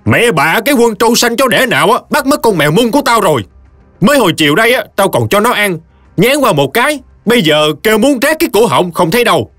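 A man's voice: sits high, sing-song, fast, pitched above the performer's own voice. A man voicing a foul-mouthed old village woman who screams curses, with a Mekong Delta Vietnamese accent. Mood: screaming curses. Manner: screeching curses, cursing in long rants. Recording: dry close studio voice, soft music behind.

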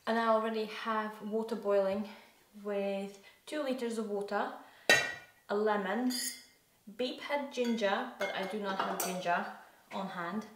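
A young homestead vlogger chats casually from her home kitchen while she works, correcting herself as she goes. Her mid-range voice is fairly even and unhurried, and the echoey room adds dish clatter plus a faint hiss or hum.

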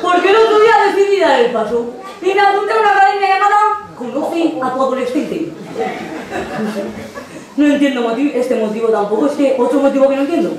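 High-voiced sarcastic Spanish woman on stage. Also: fairly quick. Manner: sarcastic, animated storytelling. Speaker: youth group monitor doing a monologue. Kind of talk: stand-up comedy monologue. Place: theatre stage with live audience. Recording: echoey hall from far off, audience.

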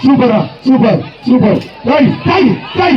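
Announcer over a loudspeaker: high, strained shouting man, distant echoey PA sound. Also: lively intonation. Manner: shouted rapid-fire calls, repeats words. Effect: heard through a public address loudspeaker. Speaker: bull-taming event announcer. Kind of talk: live event commentary over loudspeaker. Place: outdoor arena with a crowd. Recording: distant echoey loudspeaker, muffled, crowd noise.

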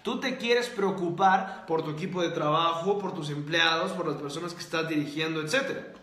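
A man hosting a motivational book-review video, talking emphatically with rhetorical questions and drawn-out stresses. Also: fairly high pitch, bright, forceful tone, roomy sound. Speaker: host.

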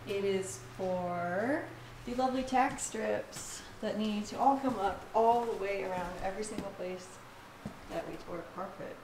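A woman's voice: medium pitch, unhurried, background noise. A woman in her thirties chatting playfully while she renovates an empty house, filming herself with a handheld camera. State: tired from work. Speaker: home renovation vlogger. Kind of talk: casual vlog narration. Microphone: handheld camera held close. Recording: echoey empty room with music.

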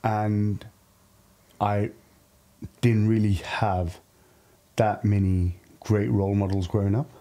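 Slow and mellow, with long pauses and little pitch movement in his lowish voice, a man in his early thirties from Lahore, Pakistan, shares personal stories casually and reflectively. He's a guest in a podcast studio, speaking into a studio podcast microphone.

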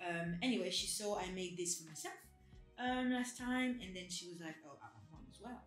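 A woman's voice: fairly low pitch, animated, brisk, roomy sound, faint music behind, rough recording. A young woman chatting casually to camera in a rambling, self-deprecating way, with many fillers. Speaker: vlogger. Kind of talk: casual vlog chat to camera.

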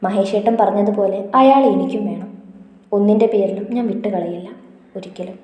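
A woman voicing an anxious young woman in love, pleading and tearful, in a higher voice. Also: normal speed, mellow, lightly acted. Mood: worried. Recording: echoey room with long reverb.

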